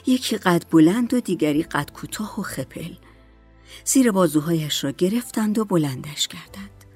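A woman reads a story aloud as an audiobook, calm and measured. Her voice sits on the low side, with faint music running softly behind. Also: husky. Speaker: narrator. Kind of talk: audiobook narration.

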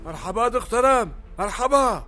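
A woman's voice: on the high side, lively intonation, music in the background, pitched above the performer's own voice, lightly acted. Fields: Figure: a woman doing a defiant old cleric. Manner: stern, raised voice. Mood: solemn. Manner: stern, commanding.

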